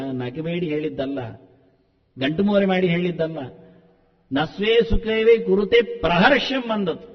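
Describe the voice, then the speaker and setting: A man giving a spoken discourse, chanting verses and explaining them with animated rhetorical questions. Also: sits high, long reverb tail, highs cut off. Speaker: scholar giving a discourse on the Mahabharata.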